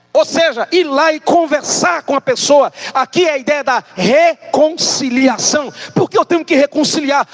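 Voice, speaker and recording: A male pastor preaching a sermon, emphatic, slowing down and sometimes shouting to stress words. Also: very high voice.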